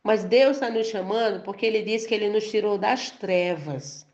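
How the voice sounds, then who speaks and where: A woman's voice: mid-range voice, normal speed, darkish tone. A woman with a Brazilian Portuguese accent, giving a conversational sermon and often checking in with her listeners. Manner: chatty, keeps asking "entendeu?" and "amém?", laughs lightly. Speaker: preacher. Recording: dull lo-fi recording.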